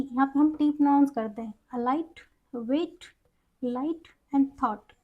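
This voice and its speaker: A woman's voice: high-pitched, phone-quality sound. A woman teaching an English pronunciation lesson in Hindi, explaining each word simply and repeating the correct sounds.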